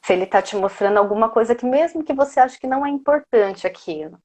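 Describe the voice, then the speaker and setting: A woman's voice: on the high side, expressive, fast, a little mellow. A woman with a Brazilian accent, a coach giving a motivational parenting talk, who keeps asking her listeners questions and often tags her phrases with "né?". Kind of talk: motivational lecture.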